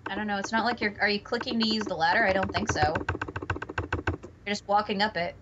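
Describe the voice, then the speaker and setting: A woman's voice: medium pitch, a little fast, lo-fi sound, background noise. A young woman co-hosting a game playthrough, giving dry, teasing guidance. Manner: teasing, dry guiding remarks. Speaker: co-host, game guide. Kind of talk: casual gaming commentary.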